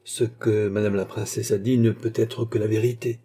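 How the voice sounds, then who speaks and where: A man voicing a respectful, earnest police chief with polite, measured speech. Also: fairly low pitch, flat delivery, dark tone, slightly rough.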